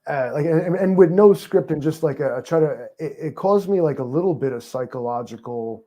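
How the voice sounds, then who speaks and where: Rambling New man, mellow voice. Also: fairly high pitch, brisk. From New York. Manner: rambling, filler-heavy, joking and sarcastic. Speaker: guest. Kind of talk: casual interview chat.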